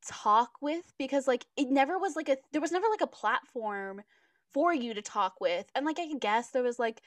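A woman's voice: high-pitched, animated, normal speed, no echo, studio quality. A twenty-year-old woman co-hosting a podcast in casual chat, rambling and giggly with lots of filler words. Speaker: podcast co-host.

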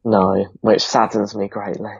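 A man who is sick, with a hoarse voice, chatting casually about games as a guest and chuckling now and then. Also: lowish voice, little pitch movement, a little slow, no echo, dull audio. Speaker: podcast guest. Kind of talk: casual gaming chat.

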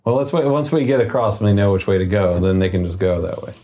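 Deep-voiced man thinking aloud at a game table. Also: expressive, fast, dark tone, faint music behind. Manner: thinks aloud, plans step by step. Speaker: player.

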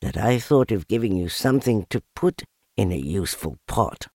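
A man's voice: lowish voice, expressive, normal speed, darkish tone, no echo, studio quality. A man voicing a small, timid young piglet with a meek, hesitant manner in a storybook reading. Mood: happy.

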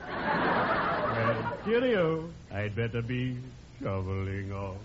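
An actor playing a morbidly genial undertaker in 1940s radio comedy, with a formal, ceremonious, droll manner. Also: male voice, medium pitch, sing-song, slow, loud music behind the voice. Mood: pompous, droll. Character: morbidly genial, pompous small-town undertaker. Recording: muffled, noisy old radio recording.

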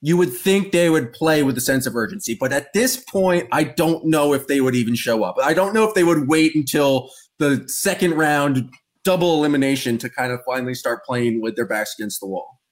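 A man's voice: medium pitch, a little fast. A man hosting a casual sports podcast, rambling and opinionated with a joking edge. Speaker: podcast host.

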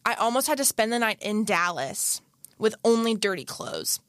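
A woman's voice: a little high, normal speed, no room sound, studio quality. A young adult woman co-hosting a podcast, telling funny self-mocking stories in casual chat. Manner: animated storytelling, self-mocking. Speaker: podcast co-host.

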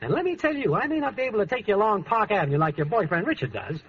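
An actor playing a lazy, smooth-talking cheapskate boyfriend who wisecracks in slang, in a 1940s radio comedy. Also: male voice, high voice, very animated, racing, heavily acted. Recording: muffled old radio broadcast.

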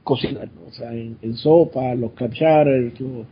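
A man's voice: mid-range voice, fairly even intonation, a little slow, husky, lo-fi sound. A man with a Puerto Rican Spanish accent, co-hosting a casual chat and explaining things in a musing way. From Puerto Rico.

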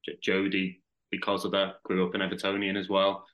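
A man's voice: deep voice, completely flat delivery, brisk, muffled recording. A man from Liverpool with a Liverpool accent, chatting as a podcast guest and rambling with many restarts. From Liverpool, England. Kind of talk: casual chat.

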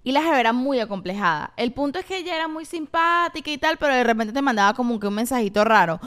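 A woman in her twenties with a Venezuelan Spanish accent, co-hosting a podcast and telling stories in casual chat full of slang. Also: fairly high pitch. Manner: fast, animated storytelling with slang. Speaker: podcast co-host.

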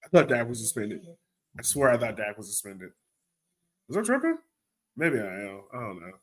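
Co-hosting a sports fan podcast, a man discusses soccer in a casual, informal way that sounds exasperated and searching. His voice is on the low side and very animated, moving at a normal speed.

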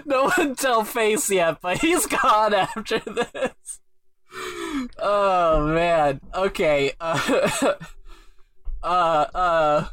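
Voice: medium pitch, fairly bright tone, no room sound. A podcast co-host recapping an old TV episode in dry, laughing, casual chat.

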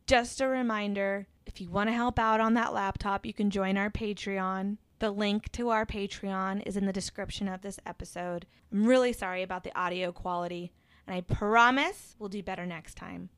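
A woman's voice: medium pitch, fairly even intonation, normal speed, a bit bright, smooth, dry recording. A woman giving a casual, apologetic announcement to listeners as a podcast host.

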